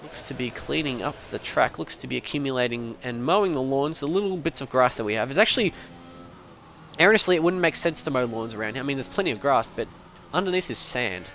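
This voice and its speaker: A young man calls a sim race live in an offhand, rambling way, with quick jokes and the odd swear. His voice sits in an ordinary middle pitch. Faint engine noise hums behind him. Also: expressive, fairly bright tone. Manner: casual, rambling, swears and laughs. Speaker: race commentator. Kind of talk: live esports race commentary.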